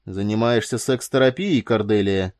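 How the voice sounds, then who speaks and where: A man's voice: on the low side, moderate pace, a little mellow, no echo, clean studio sound, natural voice. A man reading an audiobook, voicing a stern officer whose voice is cold and cutting. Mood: icy. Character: icy, stern male officer.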